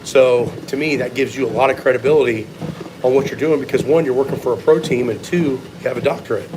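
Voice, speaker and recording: A man's voice: medium pitch, quick pace, noisy background. A man giving blunt, opinionated, sometimes profane answers in a casual live question-and-answer chat as a strength coach.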